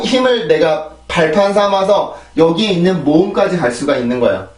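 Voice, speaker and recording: A man's voice: high-pitched, echoey room, far from the mic. A man teaching English pronunciation in Korean, explaining step by step, repeating drill sounds and often asking "right?". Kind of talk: pronunciation lesson.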